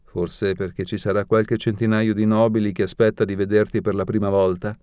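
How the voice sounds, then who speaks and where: A man's voice: lowish voice, little pitch movement, a little fast, darkish tone, smooth, dry recording, clean studio sound, close to an everyday voice. A man voicing a nervous, unsure young woman heroine in an audiobook, with a raised, tense girlish tone. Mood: anxious.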